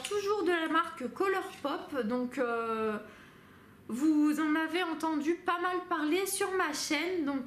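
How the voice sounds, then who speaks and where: A woman's voice: high voice, a bit bright, a little hiss or hum. A woman beauty vlogger casually reviewing her favourite products, talking with many fillers and restarts. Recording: echoey room with faint ambience.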